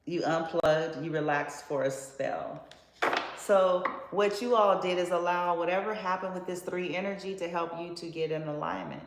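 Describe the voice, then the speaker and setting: A woman's voice: lowish voice, fairly even intonation, moderate pace. A woman giving a casual tarot reading in a blunt, profane, sassy way. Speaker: tarot card reader. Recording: roomy echo with faint background noise.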